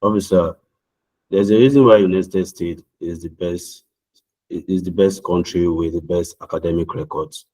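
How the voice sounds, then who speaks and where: A young Nigerian man with a Nigerian accent answers mock visa interview questions over a video call, earnest and formal, often restarting what he says. His voice is low and dark, with fairly even intonation and a moderate pace, and the recording quality is low.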